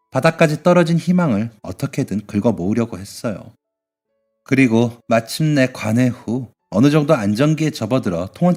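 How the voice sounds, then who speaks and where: A man reading a scripted first-person story in a soft, emotional way. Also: mid-range voice. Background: faint music.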